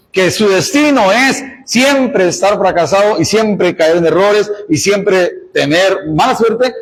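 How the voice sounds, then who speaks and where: Husky high-voiced pastor preaching. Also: male voice, low-quality recording. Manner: preaching, with quoted voices and emphatic exhortations. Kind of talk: sermon.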